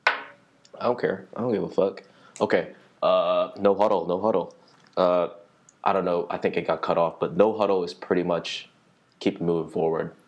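Low-voiced young man, slangy podcast rambling. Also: steady tone, normal speed, lo-fi sound. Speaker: solo podcast host. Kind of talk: casual solo podcast chat. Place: small conference room in a library.

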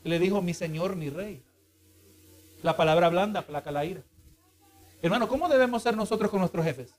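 A man's voice: high-pitched, fast. A male pastor preaching a sermon, reading scripture aloud and explaining it, with frequent asides of agreement.

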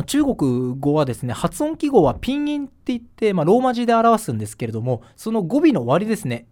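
A man from Fukushima, Japan, hosting a solo podcast in a chatty, animated way with frequent fillers. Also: on the high side. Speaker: podcast host.

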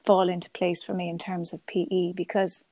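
A woman's voice: fairly low pitch, little pitch movement, moderate pace, warm tone. A woman with a west of Ireland accent chatting enthusiastically as an interview guest on a podcast. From Galway, west of Ireland. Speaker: podcast guest, primary school teacher. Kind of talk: conversational interview answers.

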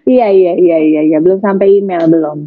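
A woman's voice: fairly low pitch, normal speed, no room sound. A woman in casual, slangy chat about parenting, laughing often and acting out quotes. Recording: tinny phone-line audio, dry.

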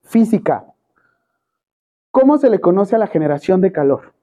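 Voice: medium pitch, big pitch swings, normal speed, dark tone. A teacher with a Mexican Spanish accent gives a classroom lecture and keeps quizzing the students with questions. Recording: tinny phone-quality recording.

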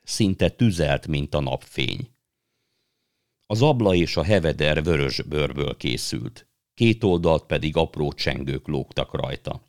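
A man reading a children's fantasy novel aloud in calm, measured storytelling. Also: rumbling low, no echo, clean studio sound. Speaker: narrator. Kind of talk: audiobook reading.

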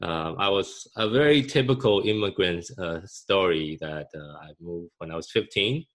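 Man, Taiwanese accent, very low voice, halting, many restarts. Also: fairly bright tone. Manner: halting, frequent restarts and fillers. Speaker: guest, parent. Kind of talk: casual interview answers.

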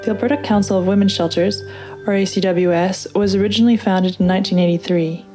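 A woman reading a narrative piece aloud and introducing the program in a measured, deliberate way. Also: medium pitch, fairly even intonation, darkish tone. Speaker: podcast host and reader. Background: music underneath.

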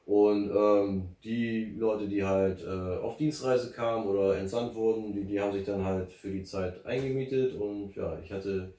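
A man's voice: lowish voice, fairly even intonation, measured pace, hardly any pauses, warm tone. A man being interviewed, talking casually and rambling with many fillers and restarts. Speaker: interview guest, finance blogger. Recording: roomy, distant from mic.

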